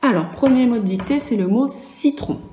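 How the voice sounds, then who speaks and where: A woman teaching a first-grade dictation lesson in a virtual class, speaking slowly and clearly and spelling out letters and sounds. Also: a little high, dark tone, echoey room, low-quality recording.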